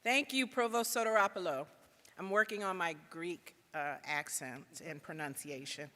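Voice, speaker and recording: Bright-voiced woman dean introducing a speaker. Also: mid-range voice. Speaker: law school dean. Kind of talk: ceremonial introduction. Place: large auditorium. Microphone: podium microphone. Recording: auditorium with long reverb.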